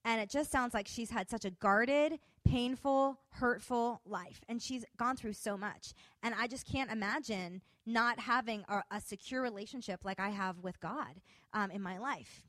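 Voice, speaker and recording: Animated woman telling a testimony. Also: fairly high pitch, moderate pace, no echo. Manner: animated, expressive retelling with quoted dialogue. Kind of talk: personal testimony storytelling.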